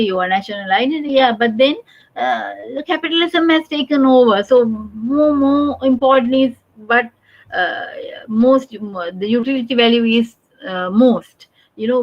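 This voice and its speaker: A middle-aged woman from Sri Lanka, giving an academic conference talk in a halting, discursive way with many restarts. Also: on the high side. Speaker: conference speaker. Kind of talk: academic lecture. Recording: dull lo-fi recording.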